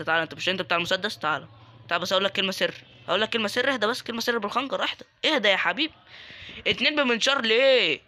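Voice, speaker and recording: A young man with an Egyptian Arabic accent commentating his game, excitable and joking as he taunts other players. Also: high-pitched. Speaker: gaming YouTuber. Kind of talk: live Roblox gameplay commentary.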